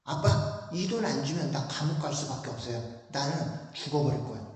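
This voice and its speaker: A demanding grown daughter whines and pleads for money, as a preacher puts her on in his sermon. Her voice rings through a large, reverberant church hall, caught from some distance away. The pitch swings about as she begs. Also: expressive, normal speed, darkish tone, natural voice. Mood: pleading. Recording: echoey church hall, mic far off.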